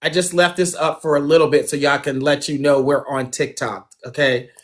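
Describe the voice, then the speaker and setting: A man's voice: on the high side, level tone, moderate pace. A man hosting a dating show on a phone livestream, chatting casually, talking straight to viewers and laughing often.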